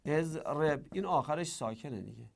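A man teaching a grammar lesson, explaining word forms step by step, repeating examples slowly and answering his own questions. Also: on the high side, expressive, vocal fry, slight background noise. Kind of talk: classroom lecture.

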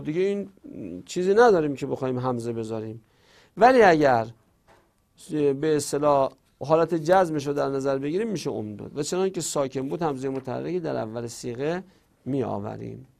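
A man's voice: on the high side, creaky, darkish tone. A man teaching a grammar class, explaining step by step and repeating each example aloud.

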